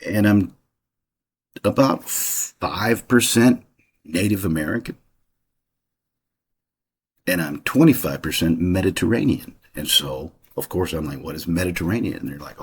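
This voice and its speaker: Deep husky-voiced man musing aloud. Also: expressive, measured pace, pauses often. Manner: rambling, conversational, many fillers and restarts. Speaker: channel host. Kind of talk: casual personal monologue.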